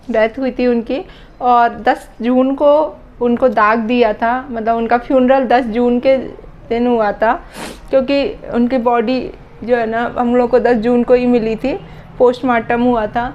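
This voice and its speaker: A woman in her thirties vlogging about a loss, talking slowly and heavy-heartedly, her voice dropping low at times. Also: dull audio. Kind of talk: emotional personal vlog talk.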